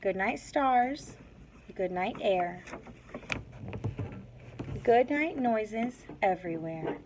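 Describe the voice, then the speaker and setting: Reading a picture book to young children, a woman teacher speaks extremely slowly in simple, instructive phrases. Her medium-pitched voice is expressive, and background noise can be heard.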